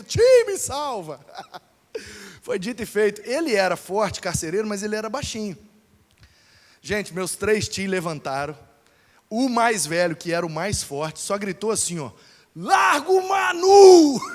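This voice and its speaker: A pastor telling a lively personal story in a sermon, acting out the people in it. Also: male voice, high voice. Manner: animated, acts out voices in his story. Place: church hall. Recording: long hall reverb.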